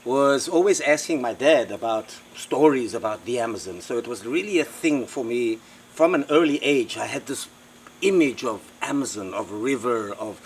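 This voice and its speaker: A man's voice: medium pitch, lively intonation, moderate pace, a little hiss or hum. A middle-aged man from South Africa with a South African accent, telling his life story in a rambling way, repeating words and using many fillers. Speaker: interviewee, local host. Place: outdoors by a river in the Amazon.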